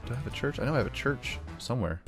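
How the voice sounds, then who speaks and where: An American man with an expressive, mid-range voice talks very fast while giving casual gameplay commentary as a gaming video host. Playful and rambling, he thinks aloud and often slips into put-on drawls over background music.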